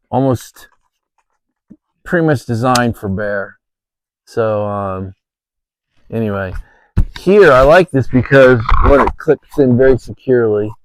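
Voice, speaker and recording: A man chatting casually to camera outdoors in his backyard, with a hesitant, pausing delivery. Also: mid-range voice, low-quality recording. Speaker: vlogger.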